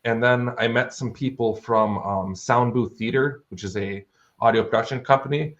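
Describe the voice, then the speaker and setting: A man with a mid-range voice speaks at a moderate pace, chatting casually as an interview guest and sharing anecdotes conversationally. He is a guest author and audio drama producer, and the recording sounds dull and lo-fi.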